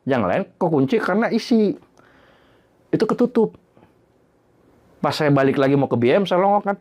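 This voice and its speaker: A man telling his own horror story in a casual, slangy way. He swears freely and acts out the bangs and creaks he heard. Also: a little high, moderate pace. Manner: animated, imitates sounds like bangs and creaks.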